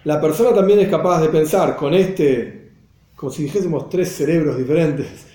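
Male teacher, high mellow voice, patient explainer, echoey room. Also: normal speed. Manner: explanatory, repeats phrases, mixes in Hebrew and Yiddish terms. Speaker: Torah teacher.

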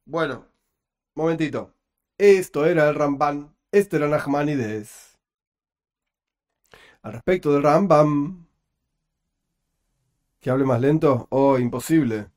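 Fast-talking Rioplatense man teaching Torah. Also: fairly high pitch. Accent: Rioplatense Spanish. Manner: quick, animated, joking asides. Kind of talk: live online class. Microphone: computer microphone.

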